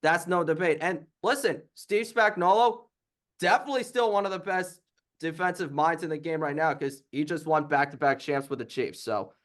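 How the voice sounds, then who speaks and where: Upbeat higher-voiced podcast host. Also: male voice, fairly bright tone. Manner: upbeat, eager, quick to react. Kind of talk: casual sports podcast.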